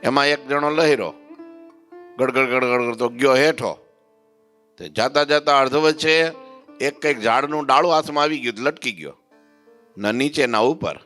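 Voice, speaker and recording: A man preaching a devotional sermon, telling stories, chanting verses slowly and putting questions to his listeners. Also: medium pitch, fairly bright tone, soft background music. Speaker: religious preacher.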